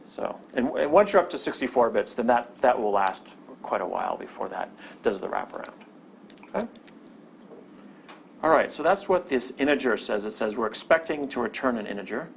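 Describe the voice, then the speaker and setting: A man's voice: mid-range voice, animated, a little fast, gravelly, slight background noise. A man teaching a programming lesson over a screen recording, explaining step by step and often checking in with "okay?". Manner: explanatory, with many "okay?" check-ins and restarts. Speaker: programming instructor.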